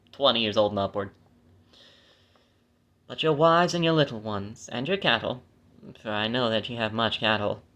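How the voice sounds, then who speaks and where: Scripture reader, male, mid-pitched and bright, casual and self-deprecating between verses. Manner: chatty, laughs at himself, corrects his own stumbles. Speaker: Bible reader. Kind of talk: scripture reading with casual asides.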